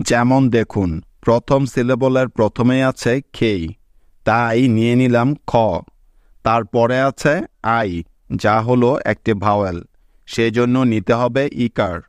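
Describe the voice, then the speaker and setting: A man's voice: medium pitch, dry recording, clean studio sound. A man teaching an English lesson step by step, patiently repeating each example word twice.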